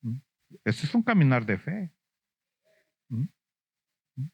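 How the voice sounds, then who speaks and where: A man's voice: mid-range voice, big pitch swings, slow, vocal fry, slightly rough, lo-fi sound. A man preaching a sermon as an apostle, questioning the congregation, prompting them with "mm?" and "ujú", and acting out lamenting believers in a whiny voice.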